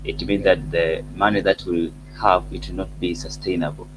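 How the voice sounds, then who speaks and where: A man with a Tanzanian accent speaking haltingly in an online meeting, pausing often. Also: low-pitched, level tone, music in the background, low-quality recording. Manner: halting, many hesitations. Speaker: summit participant. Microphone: video call. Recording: video call with loud hum.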